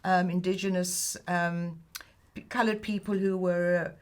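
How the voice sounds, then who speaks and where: A woman's voice: on the low side, level tone, measured pace. An older woman with a South African accent, a guest chatting easily and telling stories in an interview. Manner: chatty storyteller who laughs easily. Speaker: guest, film editor and producer. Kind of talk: casual interview chat.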